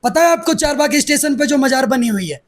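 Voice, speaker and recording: A man's voice: very high voice, animated, fairly quick. A man, speaking aggressively and defiantly as the guest in a heated political interview. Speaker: interviewee, activist.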